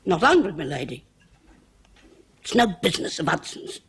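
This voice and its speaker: An actress playing an older household cook in a period television drama. The cook is proud and touchy, speaks in working-class phrasing, and turns tearful and lonely. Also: female voice, low voice, big pitch swings, normal speed, husky, heavily acted. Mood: defensive.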